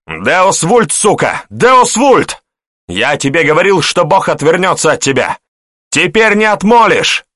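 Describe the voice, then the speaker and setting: A man's voice: on the low side, moderate pace, fairly bright tone, no echo, studio quality, lightly acted. A male audiobook narrator voicing a fervent young fortress defender who bellows war cries. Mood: fierce shouting. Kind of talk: audiobook character voice.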